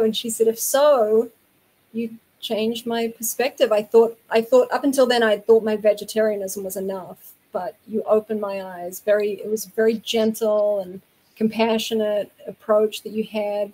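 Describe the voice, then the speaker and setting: Breathy New Zealand woman explaining earnestly. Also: fairly high pitch, fairly even intonation, normal speed, dark tone, low-quality recording. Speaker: guest from a vegan community. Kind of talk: casual interview talk.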